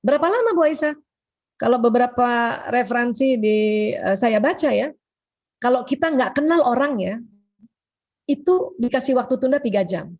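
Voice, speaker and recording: A woman giving a lively religious health talk as guest speaker on a video call, acting out quoted dialogue as she goes. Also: on the high side, moderate pace. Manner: animated, acts out quoted dialogue. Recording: dull lo-fi call audio.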